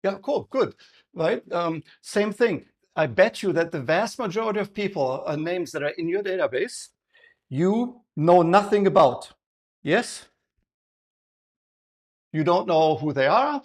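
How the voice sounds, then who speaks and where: A man's voice: on the high side, animated. German-accented man leading a live workshop. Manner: engaging, asks the audience frequent questions; halting, many restarts and fillers. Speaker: workshop presenter.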